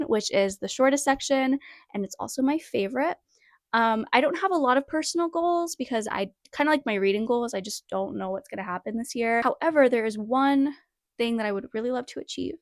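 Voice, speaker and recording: A young woman in her twenties, a writing vlogger, films herself on her phone in her bedroom at her parents' suburban house, chatting casually in a rambling, self-deprecating way. Her voice is on the high side, with no room sound and studio quality.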